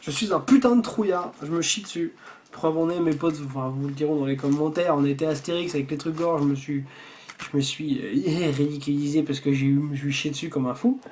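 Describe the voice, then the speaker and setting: A man's voice: on the high side, fairly quick, darkish tone, a little hiss or hum. A man chatting casually while unboxing a subscription box at home, rambling and swearing freely. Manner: rambling with frequent restarts.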